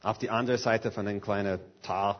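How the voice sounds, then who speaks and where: A man preaching a sermon and reading Scripture in German that is not his first language, halting, with frequent filler sounds. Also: lowish voice, steady tone, highs cut off. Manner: halting, with many filler sounds and non-native German grammar.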